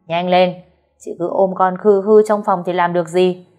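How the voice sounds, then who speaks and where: A woman voicing a harsh older mother-in-law who shouts and berates her daughter-in-law, with soft music underneath. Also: fairly low pitch, fairly even intonation, normal speed, close to an everyday voice. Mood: scolding, shrill.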